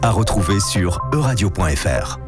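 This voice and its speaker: A man reads station promos in a lively, animated voice. Loud music plays beneath him. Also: low voice, normal speed. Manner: lively announcer delivery. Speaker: station announcer.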